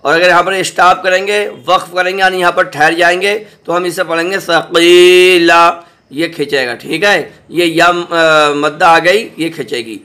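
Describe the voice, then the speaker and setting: A man teaching Quran recitation, spelling out each word slowly and repeating it, often checking that the listener understands. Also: on the high side, pushed and bright. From South Asia. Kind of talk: slow spelled-out recitation lesson.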